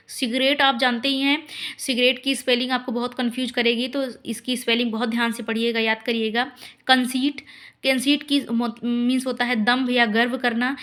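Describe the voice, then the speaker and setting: A woman teacher giving a spelling and vocabulary lesson, spelling words out letter by letter and stressing each key word slowly. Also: a little high, bright, forceful tone. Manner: repeats "ठीक है" and "अब देखिए" as fillers.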